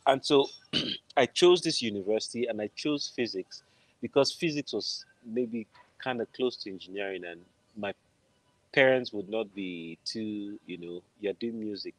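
A middle-aged film composer with a Nigerian accent appears as an interview guest on a video call from an indoor room at home, conversationally telling a personal story. His voice is fairly low and unhurried. There's no echo, but the recording is rough.

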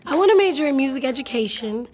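Higher-voiced young woman, proud. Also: expressive, fast, darkish tone. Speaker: college freshman. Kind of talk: documentary interview. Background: music score.

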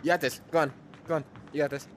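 A young man giving casual commentary while playing a game with a friend, jumpy, swinging from hushed mutters to shrieking laughter. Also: a little high, steady tone, quick pace, noisy background.

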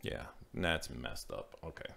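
Rumbling low and gravelly with a sharp edge, this middle-aged podcast co-host speaks expressively and unhurriedly. He rambles through a biscuit recipe in casual chat, cracking jokes and saying sorry often.

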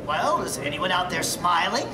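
A woman voicing an encouraging female stage handler who coaxes a nervous robot, with a brisk, motherly manner. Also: on the low side, very animated, recorded from a distance. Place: large exhibit hall, played over speakers. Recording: echoey hall heard from afar with crowd.

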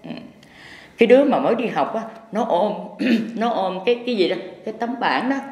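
A man's voice: sits high, lively intonation, fairly quick, darkish tone. A man, a Buddhist teacher giving a folksy, rambling impromptu sermon. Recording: echoey hall with long reverb.

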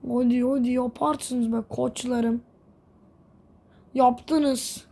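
A woman's voice: on the high side, fairly even intonation, drawn-out words, creaky, dark tone. A young woman casually commenting while she plays a mobile game, chatty, laughing often and exclaiming when things go wrong. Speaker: gameplay video host.

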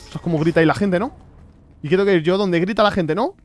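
A man's voice: sits high, fast talker, no room sound, faint music behind. A young man giving nervous, chatty gameplay commentary, talking to his viewers and repeating himself when scared. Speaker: gaming streamer. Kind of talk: casual horror gameplay commentary.

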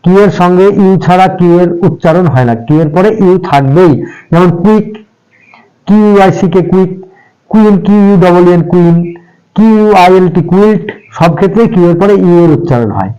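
A man with a slightly high voice walks children through letter sounds. He speaks patiently and spells out each example word letter by letter, then repeats it. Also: animated, moderate pace, dark tone, smooth, muffled recording. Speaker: English pronunciation teacher. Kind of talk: step-by-step spoken lesson for children.

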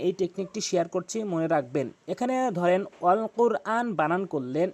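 A man with a high, light voice teaches Quran recitation rules. He explains patiently and repeats key points, breaking into slow chanted examples of the verses. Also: darkish tone.

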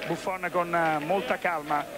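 A man's voice: fairly high pitch, steady tone, slow pace. A man calling a football match live, naming players in clipped phrases. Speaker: play-by-play football commentator. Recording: loud stadium noise behind. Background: stadium crowd and ambience.

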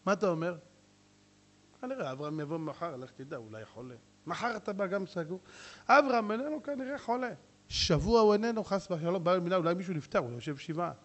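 Animated high-pitched male preacher. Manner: animated storytelling, swings between shouting and hushed asides. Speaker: rabbi. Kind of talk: sermon with jokes and acted dialogue.

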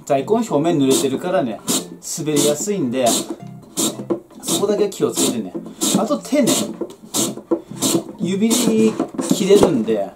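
A man's voice: a little high, sing-song, measured pace, long pauses. A man, chatting casually and explaining in a folksy way as he works with his hands. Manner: folksy, explanatory, talking while working with hands. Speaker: home vegetable grower and demonstrator. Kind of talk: casual how-to chat while working. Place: small cluttered indoor shed or workroom. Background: plucked guitar music.

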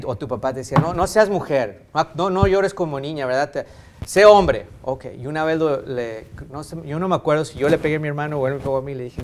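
A man's voice: medium pitch, slight background noise. A middle-aged male pastor preaching a sermon, emphatic and repetitive, slipping into conversational family stories. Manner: retells family anecdotes in conversational tone.

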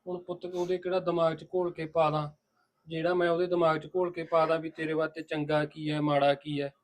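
A man's voice: fairly high pitch, little pitch movement, fairly quick, close to an everyday voice. An actor playing an older, protective father-in-law who reassures his daughter-in-law and scolds his son. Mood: reassuring. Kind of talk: village family drama acting.

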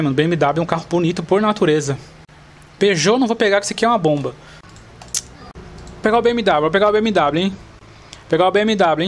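A man with a Brazilian Portuguese accent giving chatty, excitable gameplay commentary to his viewers. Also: high-pitched, slight background noise. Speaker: gaming channel host. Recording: loud car and game sounds behind.

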